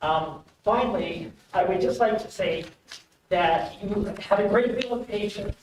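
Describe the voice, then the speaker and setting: A man giving public comment at a meeting, measured and a little hesitant as he explains a concern. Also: high voice. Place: indoor public meeting room. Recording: echoey room, distant mic, faint noise.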